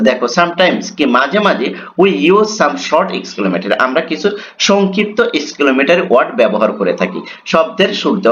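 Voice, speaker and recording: A man with a Bengali accent teaching an English grammar lesson, reading the English examples slowly and explaining them with rhetorical questions. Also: fairly high pitch, a bit bright. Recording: dull lo-fi with faint noise.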